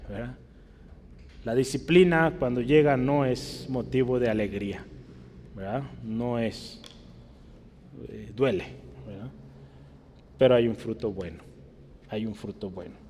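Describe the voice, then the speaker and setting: A man's voice: slow, long pauses, darkish tone, slight background noise. A man preaching a sermon in a church, often asking the congregation questions and adding "¿verdad?", his voice rising when he reads Scripture aloud. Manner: rises in pitch and volume when reading Scripture aloud. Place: church hall. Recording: long hall reverb.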